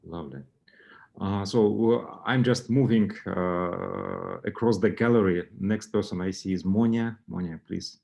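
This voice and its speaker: The host of an online alumni video call, a man, calls on participants in turn and hesitates with frequent fillers. His low, creaky voice is a little slow and darkish in tone. The audio from his video call microphone is dull.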